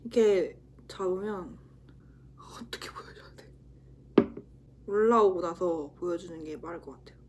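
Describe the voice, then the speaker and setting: A woman in her twenties, a university student, chatting casually to the camera in a vlog, self-teasing and quick to laugh. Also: lowish voice, noisy background. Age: 20s.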